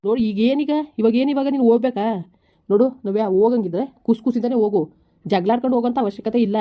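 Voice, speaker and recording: A woman's voice: fairly high pitch, very fast, dark tone, lightly acted. A woman playing a harried husband caught between his wife and his mother, talking in an exasperated, scolding way in a village comedy skit. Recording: slightly dull lo-fi recording.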